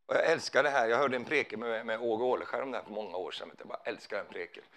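A man's voice: medium pitch, fairly bright tone. A man preaching a sermon in a conversational way, often putting questions to his listeners.

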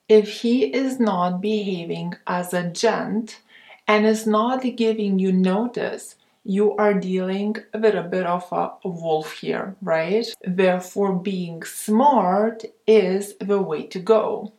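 A woman giving dating advice in a soft, measured way, now and then acting out sample texts in a lighter voice. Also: medium pitch, echoey room. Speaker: dating coach. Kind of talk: advice talk to camera.

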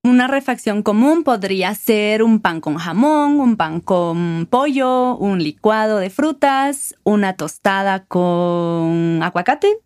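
A woman with a Guatemalan Spanish accent speaks at a middle pitch, patiently explaining words with plenty of examples. Her voice sounds close and dry, with no room echo. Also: expressive, slow pace, a little mellow. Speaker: guest. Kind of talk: casual conversation about regional words.

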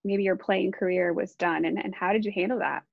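A woman interviewer asking brisk, steady questions. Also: mid-range voice, creaky, husky, dry recording, narrow, tinny audio.

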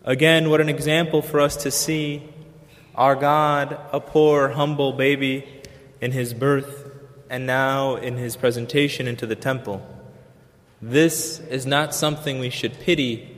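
A man preacher delivering a sermon in an earnest, measured way with pauses. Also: mid-range voice, little pitch movement. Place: church. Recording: long church reverb.

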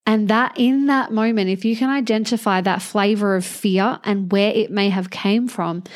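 A woman's voice: mid-range voice, steady tone, moderate pace. A woman talking as a mindset coach in a motivational podcast monologue, earnest and candid, with casual swearing.

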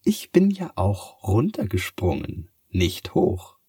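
A man's voice: low voice, wildly swooping pitch, warm tone, breathy edge, no echo, clean studio sound, exaggerated voice. A man voicing a sly, kind talking cat from the moon in a bedtime story, purring and teasing. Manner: purring, drawn-out teasing delivery.

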